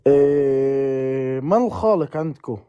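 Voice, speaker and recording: Man, mellow and dry-sounding caller, persistent. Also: medium pitch, animated, a little slow, clean tone, dry recording, dull audio. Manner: insistent, pushes to finish his point. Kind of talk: live online debate.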